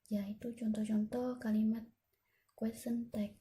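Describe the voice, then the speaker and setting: Woman, student presenter, slow halting delivery, very dark tone, faint hiss. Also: a little high, little pitch movement. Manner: slow, halting, with many fillers.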